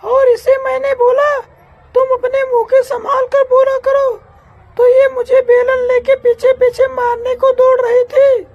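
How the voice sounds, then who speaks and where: Brief: a woman playing a squeaky, very high cartoon mother-in-law who nags, shouts insults and rants in one flat singsong. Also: measured pace, dull audio. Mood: complaining. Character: shrill scolding cartoon vegetable mother-in-law. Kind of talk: cartoon comedy voice acting.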